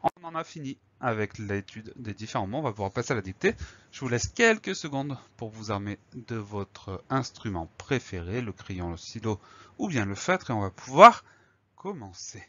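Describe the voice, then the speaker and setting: A man's voice: lowish voice, big pitch swings, normal speed, fairly bright tone, dull audio. A man teaching a spelling lesson, patiently spelling words out letter by letter.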